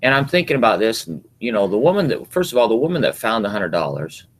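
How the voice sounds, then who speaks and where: A middle-aged man, co-hosting a casual chat with his wife, talking in a rambling, halting way with many fillers. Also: lowish voice, big pitch swings, slight background noise. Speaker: podcast co-host, husband. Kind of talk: casual chat about scripture and work.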